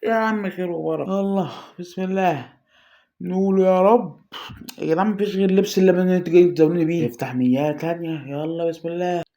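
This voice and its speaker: Egyptian gamer dude, high voice, super fast, nervous and begging, groans then yells. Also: male voice. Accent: Egyptian Arabic. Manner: anxious, pleading, swings between groans and shouts. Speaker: gaming YouTuber. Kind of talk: excited pack-opening commentary.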